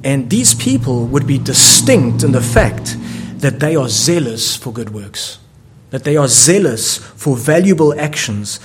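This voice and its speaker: A man's voice: mid-range voice, very animated, a little slow, noisy background. A man preaching a sermon, earnest, often restarting words as he builds each point. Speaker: pastor.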